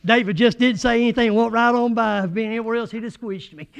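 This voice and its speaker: A man preaching a sermon in church, folksy and rising to shouted fervor. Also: very high-pitched, fairly even intonation, a little fast, creaky, clean tone. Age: 80s.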